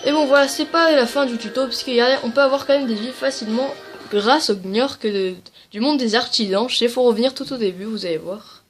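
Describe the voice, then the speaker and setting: A woman's voice: a little high, fairly quick, faint music behind. A woman hosting a video game channel, giving a casual, rambling game tutorial full of fillers and apologies. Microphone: tablet.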